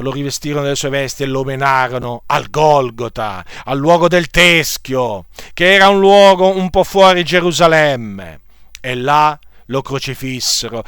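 A male preacher tells a scripture story in earnest, circling back and repeating key phrases to drive them home. His voice sits a bit high and is smooth and clear, recorded close and dry. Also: a bit bright, dry recording. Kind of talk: sermon retelling a scripture story.

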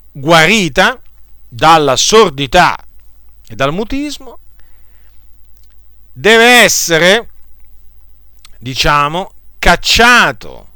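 Casting a man as a hesitant preacher: slightly high, dry close voice with many pauses and restarts. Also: bright, forceful tone, smooth, dry recording. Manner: hesitant, halting, many filler sounds and restarts; addresses listeners directly. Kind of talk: teaching sermon with scripture reading.

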